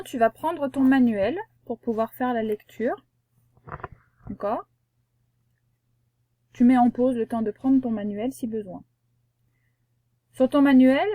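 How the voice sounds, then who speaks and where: A woman teacher giving a reading lesson to young children, patient and slow, spelling out sounds one by one. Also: on the high side, warm tone. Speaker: primary school teacher.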